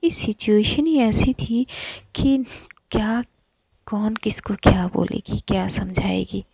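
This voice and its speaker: A woman storyteller narrating a romance in a soft, half-whispered way, with stammering restarts. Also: mid-range voice, slow, vocal fry, husky, no echo, low-quality recording.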